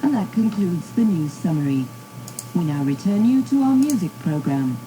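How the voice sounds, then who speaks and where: A woman voicing a formal 1940s wartime radio newsreader in a game, reading a news bulletin in a measured announcing manner. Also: fairly low pitch, expressive, over loud music, lightly acted, low-quality recording.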